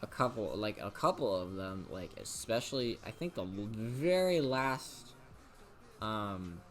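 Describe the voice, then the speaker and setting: A man's voice: fairly low pitch, expressive, unhurried, fairly bright tone. A young man rambling casually over gameplay, full of fillers and restarts. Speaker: let's play commentator.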